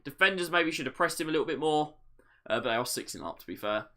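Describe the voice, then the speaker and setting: A man hosting a football watch-along, giving live match commentary and chat, excitable enough to yell at goals on screen. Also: on the high side, fast talker.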